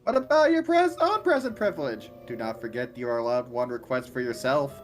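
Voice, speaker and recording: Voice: medium pitch, sing-song, brisk, soft background music, pitched below the performer's own voice, natural voice. A player reading aloud the lines of an eager, upbeat caretaker of a child, cheerful and a little stilted. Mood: encouraging. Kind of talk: reading game dialogue aloud.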